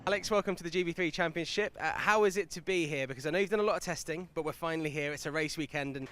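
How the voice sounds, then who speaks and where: A man's voice: on the high side, very fast, fairly bright tone, clean tone. A man presenting a motor race broadcast, chatting upbeat with drivers and his co-commentator. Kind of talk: trackside broadcast interviews.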